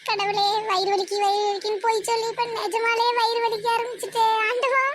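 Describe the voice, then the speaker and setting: A woman's voice: extremely high pitch, little pitch movement, fairly quick, voice pushed up. A woman voicing a sulky, dramatic grown daughter, whining and complaining in a cartoon. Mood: whiny. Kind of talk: cartoon voice acting. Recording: loud background noise.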